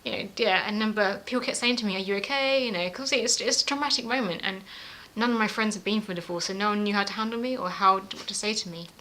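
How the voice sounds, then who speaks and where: A woman telling a personal story in an interview, lively and self-mocking, laughing often. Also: mid-range voice, quick pace, few pauses, a little hiss or hum.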